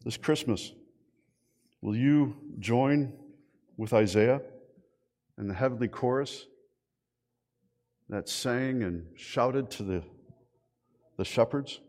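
A middle-aged man preaching a sermon as a pastor. He tells lively stories and keeps asking his listeners rhetorical questions. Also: mid-range voice, slow pace, pauses often. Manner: animated storytelling with rhetorical questions.

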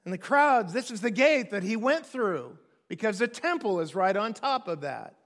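A man, preaching a sermon as pastor in a conversational, animated way with quick asides. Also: high voice. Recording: long hall reverb.

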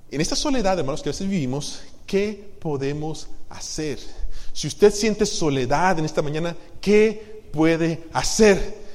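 A middle-aged man preaching as a pastor, swinging between hushed, confessional passages and loud, emphatic ones, often asking his congregation questions. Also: on the high side. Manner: asks the congregation rhetorical questions. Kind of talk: sermon. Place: church hall. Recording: long reverb in a church hall.

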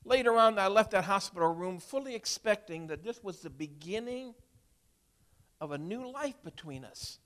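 A man in his sixties, a preacher, telling a heartfelt story in a sermon, swinging from hushed to loud. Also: sits high, lively intonation, normal speed. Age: 60s. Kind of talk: emotional sermon testimony.

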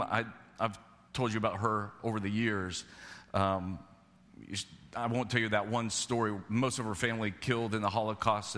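Bright-voiced male pastor in a reverberant hall. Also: mid-range voice. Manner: animated storytelling with quoted voices, slowing for scripture reading. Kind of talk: sermon.

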